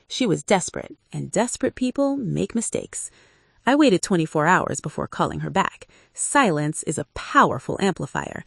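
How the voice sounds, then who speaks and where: A woman reads a dramatic story in measured, steady sentences. Her voice sits on the low side, and the recording is dry and close to the mic. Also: gravelly, breathy edge, no room sound. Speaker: narrator. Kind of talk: scripted dramatic narration.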